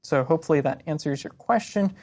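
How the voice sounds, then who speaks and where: In a relaxed, casual screen-share lesson, a young woman with a deep voice responds briskly to viewer questions on web design. She walks through each point step by step.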